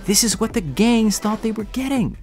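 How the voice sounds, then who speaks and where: A high, lively male voice with a darkish tone plays a young slum hero narrating his life in an audio drama, at normal speed with soft music behind. He sounds reflective, earnest and emotional, moving between narration and acted dialogue.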